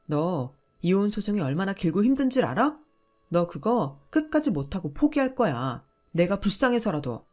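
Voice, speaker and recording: A woman's voice: medium pitch, big pitch swings, moderate pace, darkish tone, faint music behind. A woman voicing a selfish, dismissive husband who argues back defensively. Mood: indignant.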